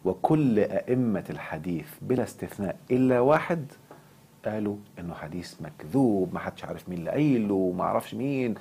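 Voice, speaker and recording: Egyptian guy lecturing fast, bit husky, fired up, jumps into mock outrage a lot. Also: lowish voice. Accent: Egyptian Arabic. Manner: animated, quick swings into mock outrage. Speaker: self-development speaker. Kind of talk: impassioned lecture.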